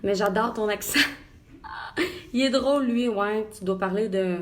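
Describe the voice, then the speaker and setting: A woman's voice: mid-range voice, slow, noisy background. A woman with a Québécois accent, a makeup artist, chatting while she does a live makeup tutorial from a hotel room and greeting viewers by name. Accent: Québécois French.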